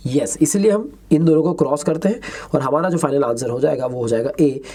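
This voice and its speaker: A man giving an exam-prep lecture, mixing Hindi and English, reading questions out slowly and adding chatty asides. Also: on the high side, warm tone.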